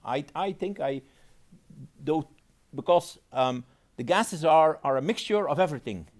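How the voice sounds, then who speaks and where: A man with an other than giving a technical presentation at a conference. He pauses, repeats words and phrases things in his own way. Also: on the high side, lively intonation. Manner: halting, repeats words, non-native phrasing. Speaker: conference speaker.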